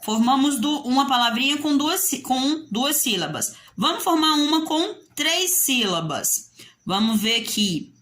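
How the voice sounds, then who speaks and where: A Brazilian Portuguese-accented woman teaches young children in a recorded video lesson, speaking slowly and carefully. Her fairly high, bright voice swings up and down in a sing-song way as she poses the pupils' questions and answers them herself. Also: lively intonation.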